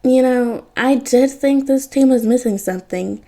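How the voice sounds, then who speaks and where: A woman's voice: sits high, normal speed, mellow, voice pushed up. A woman reading fan fiction aloud, voicing a sly, scheming female villain. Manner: sly, knowing.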